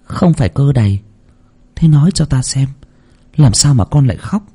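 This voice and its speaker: Man voicing a calm kindly woman shaman. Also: mid-range voice, normal speed, husky, voice pushed up. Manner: calm, gently questioning.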